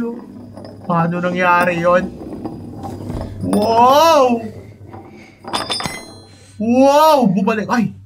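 High-voiced man reacting excitedly. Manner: animated, yelps and shouts in alarm, addresses viewers as idols. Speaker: reaction video host. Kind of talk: excited commentary reacting to an animation. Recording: music playing loudly behind.

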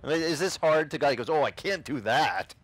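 Animated middle-aged pastor preaching on a beach. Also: male voice, a little high, fairly quick, dry recording, rough recording. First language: not English. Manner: animated, gestures a lot, acts out quoted voices. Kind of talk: casual beach sermon. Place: outdoors on a beach.

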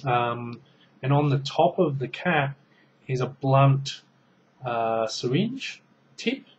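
A man's voice: medium pitch, expressive, slow pace, dull audio, slight background noise. A man in his thirties casually demonstrating a gadget at home, rambling with many ums and restarts while his hands are busy. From Australia. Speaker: product reviewer. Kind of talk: casual show-and-tell review. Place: small room indoors at home. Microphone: webcam mic at close range.

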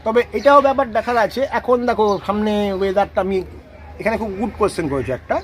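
A man's voice: high-pitched, lively intonation, fast talker, a little hiss or hum. A man explaining rose potting outdoors in a casual, explanatory way, often checking that listeners follow. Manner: explanatory, repeats "ঠিক আছে?" to check understanding. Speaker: rose gardening expert.

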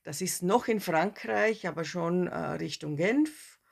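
Woman in her 40s chatting thru her motorbike trip, gravelly low voice, loose and easy. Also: unhurried. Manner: relaxed, chatty, with restarts and fillers. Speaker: motorcycle travel vlogger. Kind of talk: casual travel narration.

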